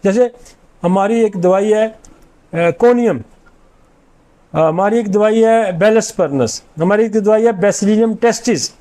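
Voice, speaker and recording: A man's voice: sits high, pauses often, warm tone. A middle-aged man, a homeopathic doctor, giving an informal lecture and confidently rattling off long lists of remedies.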